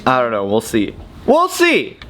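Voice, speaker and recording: A car modding vlogger narrates casually while working in his garage, explaining repair steps in an upbeat, plain-spoken way. His medium-pitched voice is fairly bright and unhurried, with huge swings in pitch, and clear background music plays over it.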